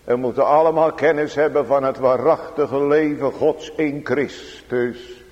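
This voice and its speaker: A man's voice: medium pitch, steady tone, a little slow, a little mellow. A man preaching a sermon in a church, speaking solemnly with sudden raised emphatic passages. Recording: dull sound with long hall reverb.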